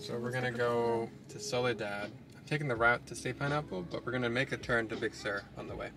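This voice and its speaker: A young man in his twenties calmly explaining the route while driving a car. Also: mid-range voice, brisk, gravelly. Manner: calm, explanatory. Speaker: driver and co-vlogger. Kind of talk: casual chat. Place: inside a moving car. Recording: distant voice under loud music.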